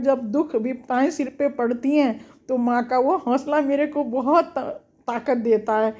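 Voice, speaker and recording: A woman's voice: sits high, mellow. A middle-aged woman telling a personal memory in a homely, reflective, chatty way. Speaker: storyteller. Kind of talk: personal storytelling. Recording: dull lo-fi recording.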